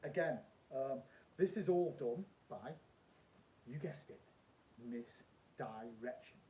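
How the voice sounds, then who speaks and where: A man teaches magic in a mellow, medium-pitched voice, explaining each step to viewers and stressing key points by repetition. The recording is roomy, with a faint noise underneath. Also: animated, takes it slowly. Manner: emphatic, repeats key points.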